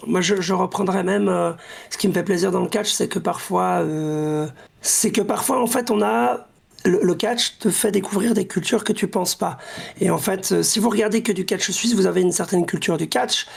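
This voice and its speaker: A podcast co-host with a heavily gravelly, husky voice. The talk is casual and enthusiastic, with pauses to hunt for the right word. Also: medium pitch. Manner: enthusiastic, searches for words. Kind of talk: casual chat.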